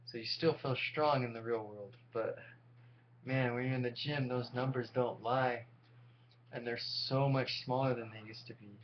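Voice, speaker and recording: A man's voice: mid-range voice, steady tone, normal speed. Sleep-deprived man on dull, humming audio. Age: 40s. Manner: sleep-deprived, tired delivery. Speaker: vlogger. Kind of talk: casual rambling monologue to viewers. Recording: dull lo-fi audio with loud hum.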